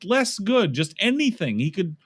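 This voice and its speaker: A man's voice: high voice, big pitch swings, moderate pace, breathy edge, no room sound. A man co-hosting a political podcast, ranting in a profane way that keeps trailing off and restarting. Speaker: podcast co-host. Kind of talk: casual political chat.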